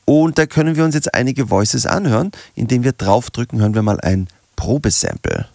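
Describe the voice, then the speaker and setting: A German man, a music producer, explaining audio software in a relaxed tutorial. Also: mid-range voice, a little fast, vocal fry, dry recording, studio quality.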